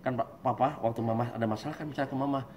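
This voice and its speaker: A man giving a lively, joking religious study talk, acting out husband and wife voices. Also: medium pitch, racing, slight background noise. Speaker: preacher.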